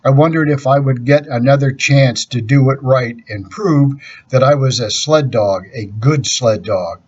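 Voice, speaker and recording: A man reads a children's story aloud at a steady, unhurried pace. His voice is husky and at an ordinary middle pitch. The recording sounds dull and lo-fi.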